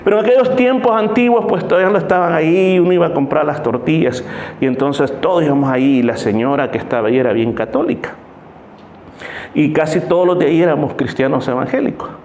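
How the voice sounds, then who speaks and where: Pastor guy preaching, highish voice, tells stories and does everybody's voices, echoey church hall. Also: fast talker, a little mellow, a little hiss or hum. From El Salvador. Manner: storytelling, acts out voices in anecdotes. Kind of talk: sermon.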